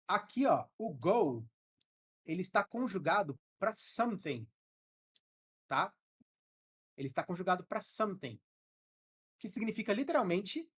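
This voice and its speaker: Brazilian woman, online English teacher on a headset, slightly low husky voice, patient step-by-step explaining. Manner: explains grammar rules step by step, checking in with students. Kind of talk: live online class.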